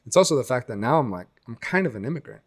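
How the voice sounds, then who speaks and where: A young American man, a guest in a casual interview, speaks reflectively in a mid-range voice at a rapid-fire clip, livening up whenever he quotes others.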